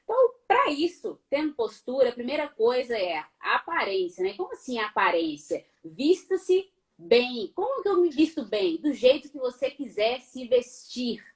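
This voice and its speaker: A woman's voice: sits high, very animated, normal speed. A middle-aged woman with a Brazilian Portuguese accent, a law professor giving advice in a live online talk, posing rhetorical questions and playfully imitating sounds.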